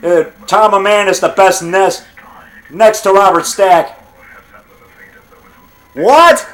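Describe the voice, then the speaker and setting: A high, slightly bright male voice comes through poor audio, speaking slowly. He's a middle-aged maker of cheap monster films in a heated phone argument, unscripted, defiant, and full of bragging, with "brother" and "pal" punctuating his lines.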